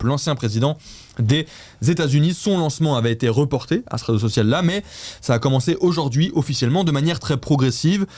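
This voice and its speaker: A man's voice: medium pitch, a little mellow, no echo. Hesitant male news host, dry sound. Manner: hesitant, restarting often, chatty and self-mocking. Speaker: host of a weekly news show. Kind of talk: casual news recap and quiz with co-hosts.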